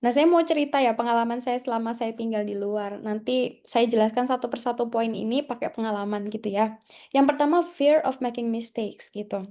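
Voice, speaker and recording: A woman's voice: fairly high pitch, fairly quick, warm tone. A young adult woman from Indonesia, chatting as a guest speaker at an English class, with many fillers and English words mixed in. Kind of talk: storytelling talk to students.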